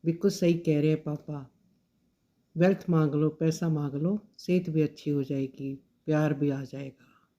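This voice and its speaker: A woman's voice: low-pitched, fairly even intonation, a little slow, warm tone. A woman voicing an eager young husband who agrees with his father. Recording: dull lo-fi recording.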